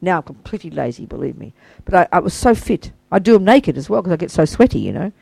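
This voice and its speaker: An older Buddhist teacher talking informally to a small group, gushing with enthusiasm and throwing in asides and praise. The voice sits at a middling pitch and sounds dry and close, with no room echo. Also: big pitch swings, fast, creaky. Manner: chatty and enthusiastic, full of warm praise and asides.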